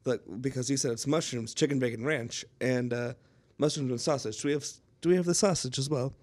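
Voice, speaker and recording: Male player, formal and stiff in character, mid pitch. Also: a little fast, a little mellow. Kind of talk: in-character tabletop role-play.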